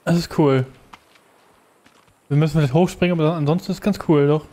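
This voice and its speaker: A man's voice: a little high, steady tone, a little fast, mellow. A man chatting casually with a co-player while playing a video game. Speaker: let's play gamer. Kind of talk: casual gaming chat with a co-player.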